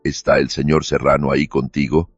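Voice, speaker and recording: A cold, imperturbable head of a law firm in an audio story, as a narrator puts him on. He speaks slowly and evenly in a very deep, husky voice, his questions measured and unrelenting. The recording is dull and lo-fi with faint music. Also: flat delivery, no echo. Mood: impassive. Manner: slow, measured, emotionless, probing. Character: cold, unflappable older male law firm boss.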